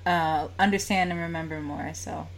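A woman's voice: low-pitched, fairly even intonation, normal speed, gravelly. A woman with a standard American accent chatting casually and informally as she interviews someone, with an easy laugh in her talk. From United States. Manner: informal, chatty, laughs easily while talking. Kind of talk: casual chat.

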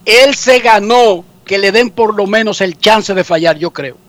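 A man's voice: sits high, measured pace, fairly bright tone, no room sound. A man with a Dominican accent hosting a sports radio show, joking and theatrical. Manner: joking, theatrical mock sobbing. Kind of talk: comic sports talk radio.

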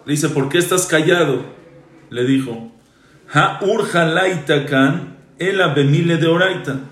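A man, a rabbi, teaching a Torah class, quoting passages in Hebrew and Aramaic, then explaining and repeating phrases. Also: fairly high pitch. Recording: roomy echo.

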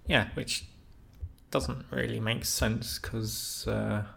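Male podcast co-host, slow-talking, gravelly, deadpan. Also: fairly low pitch. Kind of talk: casual podcast chat.

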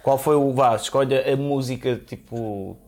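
Portuguese podcaster, rambling casual chat. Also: male voice, mid-range voice, normal speed, darkish tone. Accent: European Portuguese. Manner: rambling, many fillers, laughs often. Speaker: podcast co-host.

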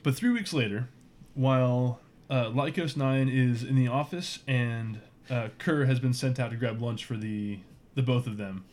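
A man narrating a tabletop role-playing game as game master, in a relaxed, loose way with many fillers. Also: mid-range voice, a little slow, slight background noise.

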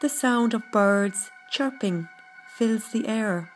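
Female meditation narrator: gentle, calming read, very unhurried pacing, faint music bed. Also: on the high side. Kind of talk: scripted guided meditation narration. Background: background music.

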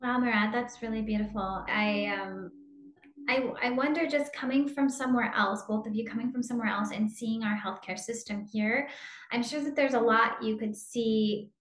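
A woman's voice: a little high, moderate pace, a bit bright. Encouraging woman interviewer in roomy echo. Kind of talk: interview questions.

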